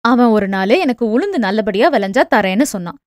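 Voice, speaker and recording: A woman voicing a spirited, quick-tempered young woman with sharp, raised retorts. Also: on the high side, animated, dry recording, clean studio sound, lightly acted. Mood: indignant.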